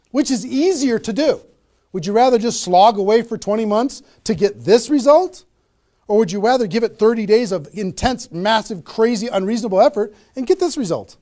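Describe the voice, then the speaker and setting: A man giving an energetic motivational seminar talk on network marketing, firing rhetorical questions at a live audience. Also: sits high.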